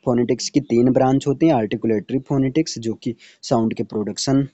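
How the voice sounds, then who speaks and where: A man's voice: mid-range voice, fairly even intonation, a little fast, warm tone, dry recording, lo-fi sound. A man teaching an exam-prep lecture, explaining steadily and checking in with his listeners. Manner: explanatory, checks in with "theek hai" and fillers.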